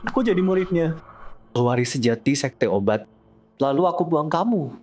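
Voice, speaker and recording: A man's voice: fairly high pitch, animated, normal speed, darkish tone, dry recording. A man playing an arrogant, lecherous suitor from a martial sect in a dubbed fantasy drama. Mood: smug, suggestive.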